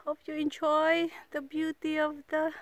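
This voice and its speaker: A woman, chatting casually and a little breathy while vlogging a hike, recorded outdoors on a handheld phone. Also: sits high, monotone, unhurried, no echo. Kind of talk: casual hiking vlog. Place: outdoors in a forest. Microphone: handheld phone camera.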